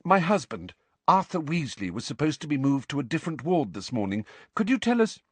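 A man voicing a brisk, motherly middle-aged witch, polite to strangers and bossy with her children. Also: a little high, sing-song, breathy edge, dry recording, pitched above the performer's own voice.

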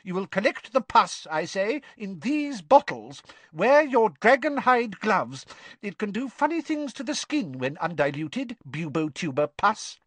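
A man voicing a brisk, bossy woman teacher of plants in a storybook reading. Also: high-pitched, sing-song, a bit bright, dry recording, pitched above the performer's own voice, full character voice. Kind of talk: audiobook character voice.

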